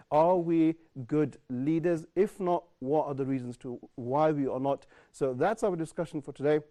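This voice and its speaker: A man hosting a live studio talk show, posing clear, emphatic questions to his guests. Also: on the high side, dark tone. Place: television studio.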